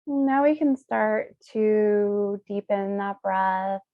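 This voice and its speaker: A Reiki practitioner guides a meditation, a woman speaking soothingly in short, unhurried phrases broken by pauses. Her voice is mid-range, and the dry recording sounds narrow and tinny.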